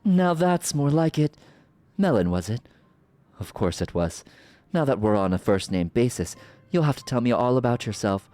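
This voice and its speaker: A man voicing a haughty, mocking ancient sorceress from a game, speaking in slow theatrical villain menace. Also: mid-range voice, expressive, warm tone, dry recording, natural voice. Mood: imperious menace. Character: haughty sardonic ancient sorceress villain, memory manifested, woman. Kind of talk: reading game dialogue aloud in character.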